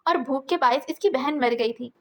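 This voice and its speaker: A woman reading a novel aloud as an audiobook narrator, steady and measured. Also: high voice.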